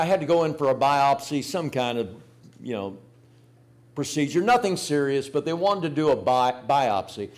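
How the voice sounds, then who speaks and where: An older man preaching a sermon, telling folksy personal stories and rising to emphatic points. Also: medium pitch. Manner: folksy storytelling with emphatic rises. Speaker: pastor.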